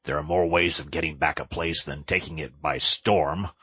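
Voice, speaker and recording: A man voicing a stern, wise old male badger in a storybook reading, slow and grave. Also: rumbling low, steady tone, pushed and bright, slightly rough, heavily acted. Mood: kindly.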